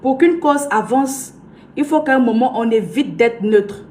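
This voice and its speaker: A young Ivorian woman with an Ivorian French accent, a blogger and influencer, speaks straight to the camera for her followers. Her fairly high, slightly mellow voice moves at a measured pace, earnest and emphatic, repeating points for weight.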